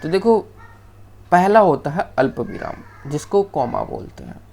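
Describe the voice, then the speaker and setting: Gravelly-voiced teacher explaining step by step. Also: medium pitch, very animated, a little slow, mellow, slight background noise. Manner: explains step by step, often checks in with "okay"; loose, off-the-cuff delivery with restarts. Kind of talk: screen-shared grammar lesson.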